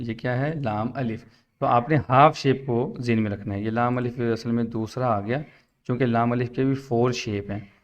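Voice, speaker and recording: A man's voice: medium pitch, dull audio. Patient male Quran teacher explaining shapes. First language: Urdu. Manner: explains patiently, drawn-out syllables when spelling. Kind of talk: instructional talk to teachers.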